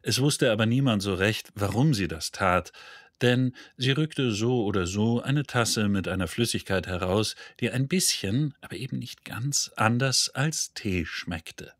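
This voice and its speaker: A man narrating an audiobook in an even, measured storytelling manner. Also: lowish voice, dry recording, clean studio sound. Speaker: audiobook reader. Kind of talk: scripted narration.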